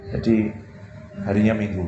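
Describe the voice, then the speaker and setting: A man's voice: lowish voice, flat delivery, moderate pace, highs cut off. Guy preaching casual-style in an echoey hall, keeps saying gitu ya, music going in the background. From Indonesia. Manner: conversational, repeats "gitu ya" a lot. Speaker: pastor. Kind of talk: sermon. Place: church hall. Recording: roomy hall with music behind.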